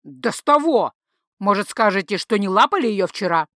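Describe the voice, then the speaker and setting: A woman voicing a jealous, hysterical male city official who shouts accusations at his wife. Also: mid-range voice, expressive, normal speed, dry recording, studio quality, lightly acted. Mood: accusing. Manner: loud, accusing, whiny.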